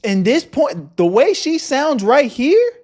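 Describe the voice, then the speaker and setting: A man's voice: extremely high pitch, very animated, slow pace, darkish tone, a little hiss or hum. A man streaming live, reacting to a video in loose slang through a headset mic, talking straight back at the screen and greeting his chat. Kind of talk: casual live reaction commentary.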